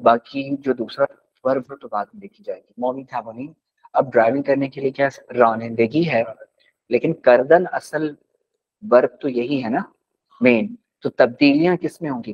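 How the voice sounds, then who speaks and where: A man teaching a class as a language teacher, patiently repeating words slowly for his students. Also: mid-range voice, breathy edge. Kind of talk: classroom lesson. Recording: dull lo-fi recording.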